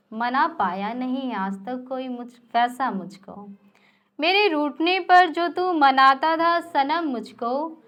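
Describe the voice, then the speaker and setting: A young woman reciting her own poetry at an open mic. She says each couplet twice, the second time louder and with more force. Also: high voice. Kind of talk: reciting Hindi poetry on stage. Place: small live stage.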